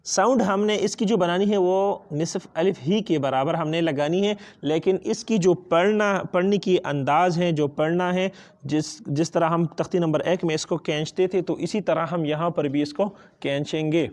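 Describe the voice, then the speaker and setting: A man's voice: a little high, a little mellow. A man with a Pakistani accent teaching Quran reading step by step, patiently asking and answering his own questions and stretching out letter sounds. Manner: switches between two languages. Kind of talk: step-by-step lesson.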